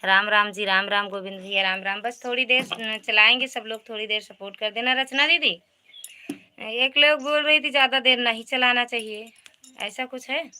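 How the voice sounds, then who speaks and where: Bright-voiced Awadhi woman live-streaming. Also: on the high side, steady tone, normal speed. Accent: Awadhi-tinged Hindi. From Uttar Pradesh, India. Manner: chatty, greets viewers by name, asks for likes. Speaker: livestream host. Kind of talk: casual live-stream chat with viewers.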